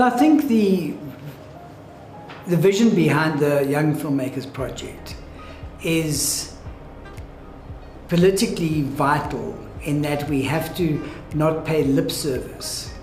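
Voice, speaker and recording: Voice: mid-range voice, expressive, slow pace, darkish tone. A mentor lays out the program's vision in an emphatic, rhetorical way, with a mid-range voice. Echo surrounds the voice, with faint music behind it. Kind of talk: documentary interview. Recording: echoey room with music behind.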